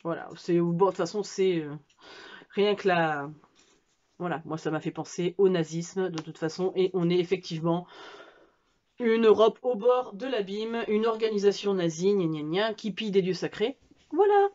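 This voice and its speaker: A woman's voice: fairly low pitch, moderate pace, a little mellow, highs cut off. A French woman chatting casually at home about books she bought, hesitant with many fillers and restarts. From France. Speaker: book vlogger. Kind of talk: casual book haul chat.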